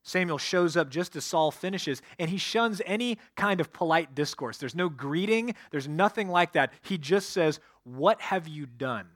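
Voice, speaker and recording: A man's voice: high voice, lively intonation, normal speed, few pauses, a bit bright, no room sound, studio quality. A man preaching a sermon as a pastor, reading scripture aloud and explaining it verse by verse.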